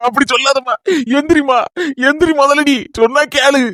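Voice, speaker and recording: Man playing a gentle, soothing older brother. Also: extremely high pitch, fairly even intonation, a little fast, no echo, clean studio sound. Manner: pleading, soothing, repeating endearments. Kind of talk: homemade family drama skit.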